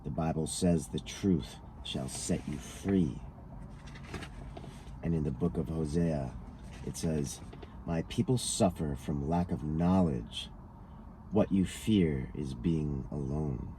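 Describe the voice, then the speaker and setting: A man with a bass voice reads a scripted interview dialogue aloud from a written transcript, voicing each speaker's lines in turn. He takes it slowly with long pauses, and there is noticeable background noise.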